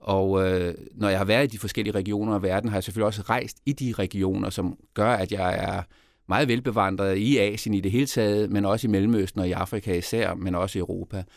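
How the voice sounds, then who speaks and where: Answering questions on a podcast, this mayoral candidate stumbles through many restarts and filler words. He's a middle-aged man from Denmark with a Copenhagen accent and a lowish, steady voice. There's no echo, and the sound is studio quality.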